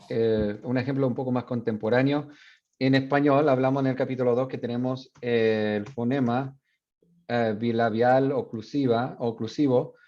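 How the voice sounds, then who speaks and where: A university teacher explaining sound changes in a bilingual classroom lecture, mixing in English asides with frequent fillers. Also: male voice, medium pitch, lo-fi sound. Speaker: university Spanish phonetics teacher.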